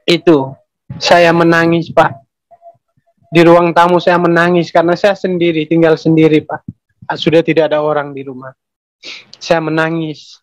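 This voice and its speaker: Fields: Sex: man. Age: middle-aged. Role: testimony. Pitch: high. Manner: earnest, halting. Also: flat delivery, dry recording, rough recording. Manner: earnest, halting, ends nearly every phrase with a polite "sir". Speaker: interviewee giving a conversion testimony. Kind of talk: emotional personal testimony.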